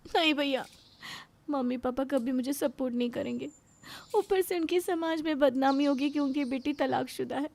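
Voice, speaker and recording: A woman's voice: sits high, a little fast, gravelly, few pauses, a little mellow, voice pushed up. A woman voicing a frightened, timid young married woman in a cartoon story. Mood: fearful. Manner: meek, fearful.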